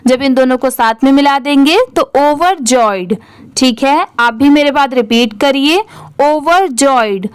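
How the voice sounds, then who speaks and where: A woman's voice: high voice, unhurried, no echo. A young Indian woman teaching English reading, patiently spelling words out letter by letter and then asking how each is read. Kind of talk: slow, patient reading lesson.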